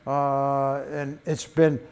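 An older man giving a public talk on beekeeping in a library meeting room, an animated storyteller with folksy asides, speaking on a lapel mic. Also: mid-range voice, very slow. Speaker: beekeeping presenter.

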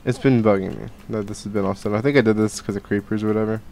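A young gaming channel host who is catching a cold rambles through casual Minecraft let's play commentary in his home gaming room, full of fillers and restarts. His lowish voice is gravelly and a little mellow, with fairly even intonation and a racing pace. He's recorded on a headset and a studio mic at his desk.

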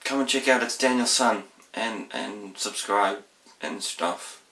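A man's voice: lowish voice, unhurried, bright, forceful tone. A man in his thirties with a broad New Zealand accent, chatting casually to the camera in a goofy, playful, rambling way and repeating his phrases. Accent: broad New Zealand (Kiwi). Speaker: vlogger, guest presenter. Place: small plain room indoors. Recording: roomy indoor echo.

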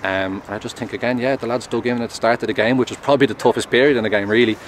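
A young man, a goalkeeper, answering post-match questions in a measured, earnest way, outdoors at a stadium at night on a close mic. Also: mid-range voice, fairly even intonation. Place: outdoors at a stadium, in front of a sponsor board at night. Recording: outdoor traffic noise.

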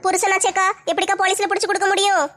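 A woman's voice: very high-pitched, flat delivery, very fast, a bit bright, slight background noise. A woman playing a frightened, tearful young wife who complains about her husband in a comedy skit. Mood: worried. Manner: pleading, worried.

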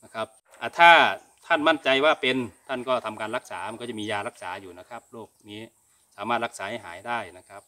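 Expressive and quick, a middle-aged cattle farming host from Thailand explains things to his viewers informally, peppering his speech with polite particles. His mid-range voice sounds pushed and bright, and he's recording in an open-sided cattle barn.

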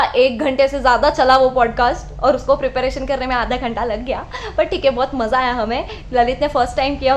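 A young woman chatting casually to camera at home as a vlogger, setting up her gear as she talks. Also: high voice. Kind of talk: casual vlog chat. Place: at home indoors.

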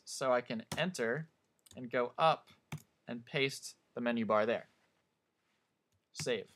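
A man at a mid-range pitch guides students through a screen-recorded software tutorial. He talks calmly, explaining each step as he goes. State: hiccups. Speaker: teacher.

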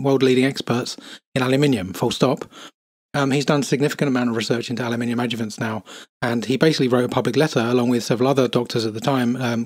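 A man's voice: medium pitch, dry recording. A man giving scornful, incredulous commentary over video clips, with many fillers.

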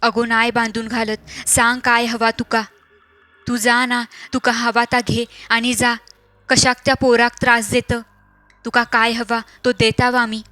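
A calm village healer woman coaxes a possessed girl in a spoken horror story, gentle and patient with a Malvani accent, as a woman reader does her. Her voice is bright and evenly pitched, recorded close and dry. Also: a little slow, no room sound. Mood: coaxing.

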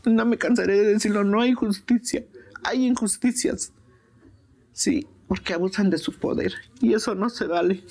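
A woman's voice: mid-range voice, moderate pace, darkish tone. An older woman with a Mexican accent, speaking plainly and insistently in an emotional interview, repeating herself for emphasis. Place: prison.

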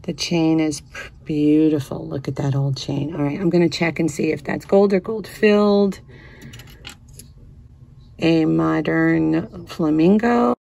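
Slow, gravelly-voiced woman thrifting. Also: low-pitched, steady tone, warm tone. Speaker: vintage reseller vlogger. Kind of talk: casual thrifting narration. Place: inside a cluttered antique store.

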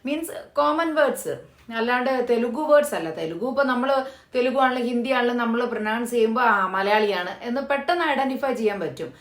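Speaking a little fast in a fairly high voice, this Hyderabad-based woman from Kerala explains things one step at a time in a relaxed storytelling vlog. She leans on lots of fillers, and the recording has a roomy quality.

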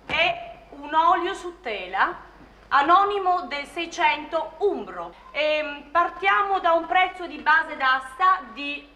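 An actress playing a brisk, formal auctioneer in a comedy sketch, declaiming lots and repeating bids. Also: female voice, high-pitched, expressive, sharp tone, heavily acted. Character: brisk, formal female auctioneer selling antiques. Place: lounge with seated bidders. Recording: echoey noisy room with crowd.

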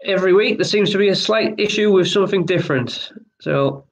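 A man hosting an online pub quiz, reading each question twice and chatting between rounds in a relaxed, apologetic way. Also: high voice, a little fast, gravelly, poor audio. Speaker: quiz host.

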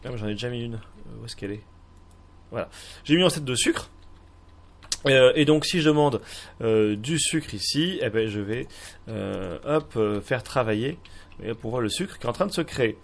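Walking through a Minecraft mod in a laid-back screen recording, this French-accented host has a mid-range voice with lively intonation and vocal fry, talking at normal speed. He hesitates often, filling gaps and starting sentences over.

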